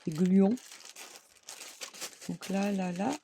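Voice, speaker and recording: A woman vlogger talks her viewers through her crafting in a relaxed, rambling way, thinking aloud as she works at her table. Her voice is mellow and dark with a gravelly fry, and she keeps dropping in little "hop" and "voilà" sounds. Faint noise sits under the recording. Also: medium pitch, drawn-out words. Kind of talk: casual crafting chat to viewers.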